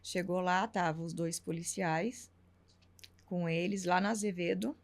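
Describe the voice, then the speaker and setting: A woman's voice: on the low side, fairly even intonation, a little slow. A middle-aged woman, telling a personal story as a talk show guest and acting out the dialogue. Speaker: interview guest.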